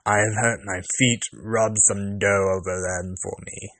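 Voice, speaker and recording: A man voicing a sly, menacing storybook wolf with a deliberate, drawn-out delivery. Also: fairly low pitch, fairly even intonation, fairly bright tone, no echo. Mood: demanding. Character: sly, menacing male wolf, a deceitful predator.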